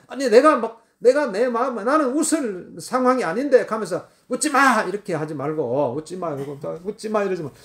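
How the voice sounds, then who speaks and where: A man delivers a sermon in a high voice. He talks emphatically, repeating phrases and filling pauses as he goes. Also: darkish tone. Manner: repetitive, emphatic preaching with many fillers. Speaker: preacher.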